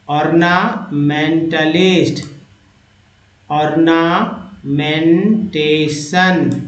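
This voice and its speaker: A man's voice: fairly high pitch, echoey room, low-quality recording. A man teaching English vocabulary in Hindi, sounding out long words syllable by syllable and repeating them. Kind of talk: reading word list aloud, explaining word parts.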